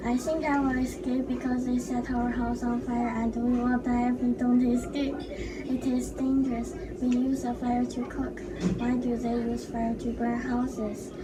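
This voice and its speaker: Woman doing a scared villager running off, flat monotone, loud noise behind. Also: on the high side, unhurried, close to an everyday voice. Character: frightened villager fleeing a burning home. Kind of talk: first-person history presentation.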